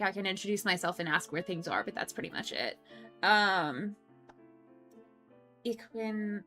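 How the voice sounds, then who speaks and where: A young woman with a medium-pitched, sharp-toned voice hosts a laid-back coworking stream and reads viewer comments out loud. She's talkative, laughs frequently and uses plenty of ums and restarts, with faint music in the background.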